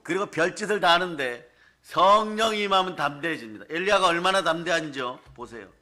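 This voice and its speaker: Male pastor, sermon, emphatic and chatty, somewhat high voice. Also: fairly quick, sharp tone. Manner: emphatic, colloquial, asks the congregation for responses.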